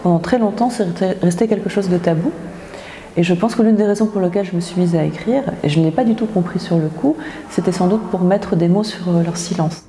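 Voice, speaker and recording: A woman from France, an author, speaking thoughtfully in an interview, pausing often with filler sounds. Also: fairly low pitch, mellow. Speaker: author in residence. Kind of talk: reflective interview talk. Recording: echoey hall with faint ambience.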